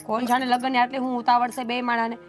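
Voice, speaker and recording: A woman's voice: a little high, level tone, fast talker, faint music behind, lightly acted. A woman playing a reproachful elder sister who scolds her stubborn younger sibling. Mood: scolding. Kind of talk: family drama acting.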